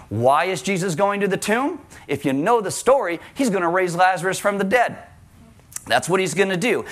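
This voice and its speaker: A middle-aged man preaching a sermon in a conversational, animated way, acting out quotes and adding asides. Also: on the high side. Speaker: pastor.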